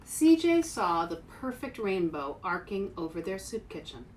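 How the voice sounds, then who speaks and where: A woman hosting a children's read-aloud, expressive and speaking directly to young listeners. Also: mid-range voice, measured pace. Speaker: author and show host. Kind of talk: children's picture book read-aloud with casual asides. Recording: faint background noise.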